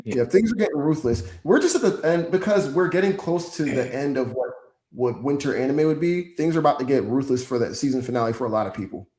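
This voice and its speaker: A man co-hosting a podcast, chatting casually about anime with playful, animated bursts. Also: medium pitch, quick pace. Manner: animated, playful, bursts into loud mock chants. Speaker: podcast co-host.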